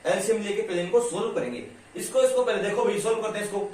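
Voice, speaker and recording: A middle-aged man teaches maths, his fairly high voice asking again and again whether the class is following. He is picked up from well across a bare, echoing classroom with a faint hiss underneath. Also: fast talker, darkish tone. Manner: patient, checks understanding constantly with "ठीक है?"; slips into rural dialect endings. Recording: echoey room, mic far off, faint hiss.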